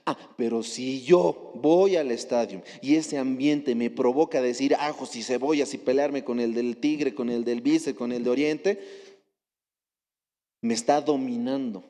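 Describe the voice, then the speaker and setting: A man's voice: medium pitch, unhurried. A young adult man with a Bolivian Spanish accent, preaching a sermon and telling stories with rhetorical questions. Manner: storytelling with rhetorical questions, animated quotes. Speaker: lay preacher. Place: church hall. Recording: long church reverb.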